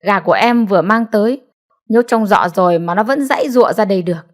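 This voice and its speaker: A woman voicing a humble, gentle elderly grandmother who speaks politely and hesitantly. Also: medium pitch, fast, natural voice. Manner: polite, hesitant, soft-spoken.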